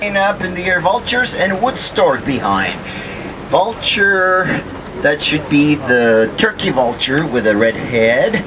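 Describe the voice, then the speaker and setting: A man guiding a wildlife tour on a river boat, giving live commentary in a playful, joking way. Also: a little high. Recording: busy voices and boat noise behind.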